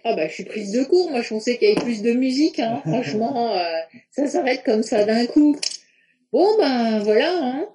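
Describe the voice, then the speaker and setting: A woman's voice: on the high side, lively intonation, moderate pace, mellow. A woman teacher giving casual, hesitant feedback to students over a video call, with many restarts. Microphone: video call on computer.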